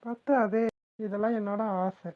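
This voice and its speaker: A woman's voice: mid-range voice, fairly even intonation, moderate pace, close to an everyday voice. A woman voicing a doting, playful young husband in a cartoon who coaxes his wife affectionately. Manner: affectionate, coaxing. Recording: tinny phone-like sound.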